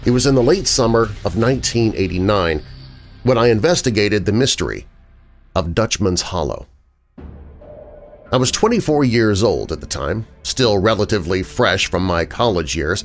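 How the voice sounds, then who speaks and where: Low-voiced man narrating a dark story. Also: expressive, moderate pace, faint music behind. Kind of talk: scripted horror story narration.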